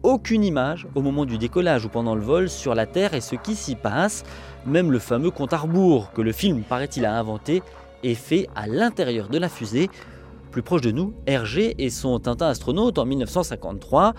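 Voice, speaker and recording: A man's voice: medium pitch, very animated, normal speed, a little mellow, faint music behind. A man giving scripted film-essay narration in a didactic, wryly humorous way.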